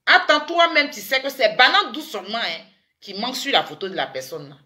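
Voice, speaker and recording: Bright-voiced woman teasing. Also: fairly high pitch, fairly quick. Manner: teasing, animated, with sudden loud exclamations. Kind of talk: chatty commentary vlog. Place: in France.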